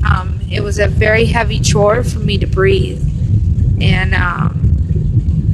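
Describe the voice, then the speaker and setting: A woman recounting a personal memory in a soft, halting way, pausing often with "um". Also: medium pitch, heavy background noise. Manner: halting, soft-spoken, frequent "um" pauses. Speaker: mother recounting her son's birth. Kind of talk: personal storytelling.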